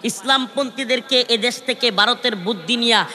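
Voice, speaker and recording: High, bright-voiced man preaching a sermon. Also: normal speed. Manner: calls out to the crowd, chants Arabic verses in a sung tone. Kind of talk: Islamic waz sermon at a night gathering. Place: large outdoor religious gathering. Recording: long reverb of a big PA.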